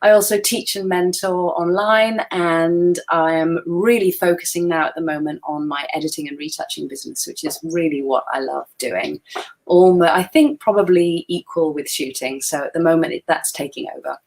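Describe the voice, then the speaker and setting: A woman's voice: lowish voice, steady tone, normal speed, a little mellow. A woman in her forties, a photographer presenting in a chatty, self-deprecating way over a video call. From Wales. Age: 40s. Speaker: guest photographer. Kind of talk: webinar presentation.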